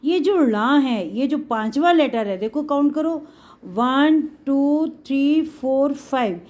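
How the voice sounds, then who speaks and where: A high-pitched woman gives a patient Hindi lesson to children. She stretches out her words as she explains each letter and warmly calls her pupils "beta". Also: animated. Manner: patient, drawn-out explaining, addresses students as beta. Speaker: Hindi teacher.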